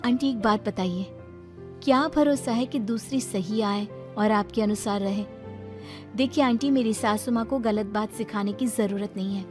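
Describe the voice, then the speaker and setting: A woman's voice: medium pitch, moderate pace, music in the background, natural voice. A woman voicing an earnest, anxious young daughter-in-law in a cartoon story, polite and pleading. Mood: firm. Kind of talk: cartoon voice acting.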